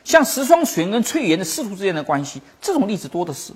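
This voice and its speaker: A Buddhist teacher giving a teaching talk, telling old stories, acting out the masters' words, and slowly repeating and explaining key phrases. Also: mid-range voice, very animated, darkish tone, slightly rough. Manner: storytelling, acting out quoted masters.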